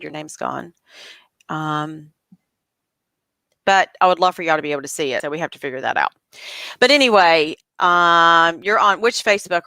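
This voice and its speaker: A woman's voice: fairly low pitch, sharp tone, no echo. A woman hosting a casual live interview, chatty and troubleshooting aloud, with a cough drop in her mouth. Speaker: livestream host.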